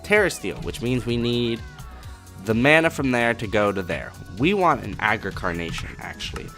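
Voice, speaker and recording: A man hosting a video game let's play, commenting in a profane, excitable and jokey way. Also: medium pitch, normal speed, soft background music.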